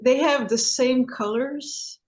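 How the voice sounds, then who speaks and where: A singer-songwriter woman from Sweden, a guest in an interview, who talks slowly and haltingly with many restarts. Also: high-pitched, darkish tone, rough recording.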